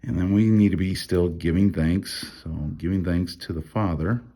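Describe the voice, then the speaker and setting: A man leading a casual Bible study, reading verses aloud and thinking out loud about how to mark them, with lots of fillers and restarts. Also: low voice, fairly even intonation, normal speed. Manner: reads scripture aloud between comments.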